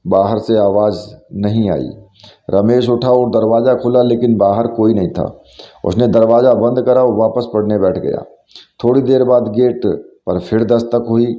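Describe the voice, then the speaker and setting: A man's voice: fairly low pitch, fairly even intonation, normal speed, warm tone. Man narrating a horror story, roomy sound. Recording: roomy, dull lo-fi recording.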